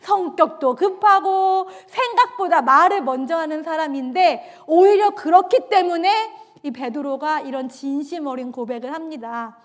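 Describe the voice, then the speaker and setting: A woman's voice: sits high, normal speed, hardly any pauses. A woman pastor giving a sermon and telling her own faith story, earnestly acting out the lines she quotes. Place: church sanctuary.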